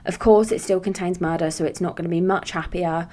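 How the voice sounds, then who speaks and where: Chatty British woman, low voice. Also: fairly even intonation, brisk, mellow. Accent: British English. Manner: chatty, swears freely, rambling asides. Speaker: true crime YouTuber. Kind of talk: casual chat to camera.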